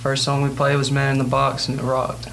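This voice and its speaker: A young man talks calmly about playing drums. His pitch barely moves, and faint background noise sits under his voice. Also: fairly quick, poor audio. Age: young adult. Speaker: band drummer. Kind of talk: casual interview answers.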